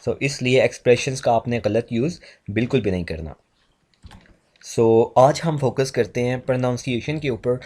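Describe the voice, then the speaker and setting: A young man teaching an English speaking lesson, slowing down to demonstrate how words are pronounced. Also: medium pitch, a little mellow. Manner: slow, exaggerated demonstrations of English pronunciation. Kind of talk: spoken English lesson in Urdu.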